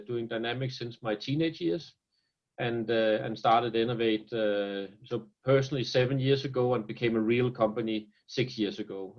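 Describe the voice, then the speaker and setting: A Danish company founder with a Danish accent speaks earnestly in a business interview held over video call. His voice is fairly low, the recording is muffled, and he often repeats words as he restarts.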